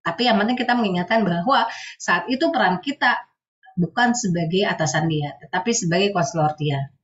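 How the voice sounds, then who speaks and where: A woman giving a webinar talk as a guest speaker on counseling. She explains patiently and often adds soft tag phrases at the ends of her sentences. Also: on the low side, fairly quick, lo-fi sound.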